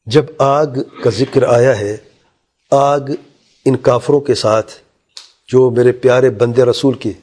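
Male religious teacher with a husky voice giving a Quran exegesis lesson; lifts into chanted recitation, then explains plainly. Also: medium pitch, steady tone, pauses often, a little mellow. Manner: asks the listeners rhetorical questions.

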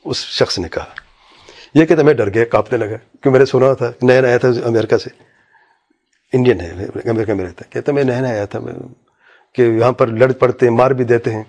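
A man's voice: mid-range voice, darkish tone. A man preaching a religious talk, vividly retelling anecdotes and quoting each person in them. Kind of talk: religious talk with told stories.

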